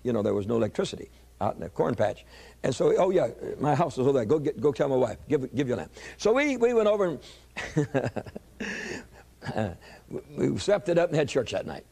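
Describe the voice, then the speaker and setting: A man's voice: medium pitch, very animated, fairly quick, gravelly, warm tone, breathy edge. An older man preacher telling his life story in a sermon, folksy, with stammering restarts and chuckling asides.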